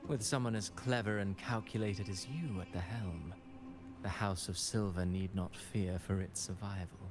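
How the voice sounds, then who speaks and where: A silky male schemer voiced by a man in a game, slow, smooth and measured. His fairly low voice carries veiled menace, and music plays clearly underneath. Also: fairly even intonation, lightly acted. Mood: scheming. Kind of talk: game voice acting.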